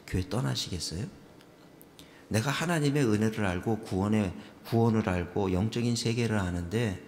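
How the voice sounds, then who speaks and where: Gravelly middle-aged pastor preaching in a hall. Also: male voice, lowish voice, darkish tone, slight background noise. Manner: storytelling, questions the congregation, acts out his own prayers. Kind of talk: revival sermon. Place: church sanctuary. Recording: reverberant church hall, faint ambience.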